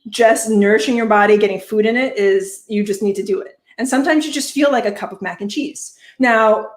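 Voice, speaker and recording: A woman's voice: mid-range voice, a little fast, echoey room. A woman in her thirties co-hosting a casual live chat show over a video call. She talks chattily, laughs often and restarts her sentences.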